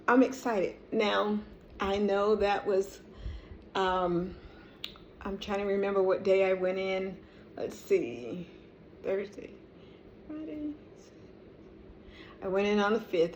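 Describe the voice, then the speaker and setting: Animated middle-aged woman telling a story. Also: fairly high pitch. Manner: animated, praising, laughs often. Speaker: vlogger sharing a testimony. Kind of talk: casual storytelling to camera.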